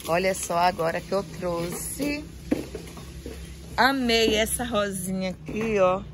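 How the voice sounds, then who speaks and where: An effusive woman showing off her home garden, talking into a handheld phone outdoors. Her pitch sits in an ordinary middle range. She keeps admiring every plant aloud, with a faint hiss of noise behind her. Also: slow. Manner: effusive, admiring, repeats praise often. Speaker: vlogger giving a garden tour. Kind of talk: casual garden tour vlog.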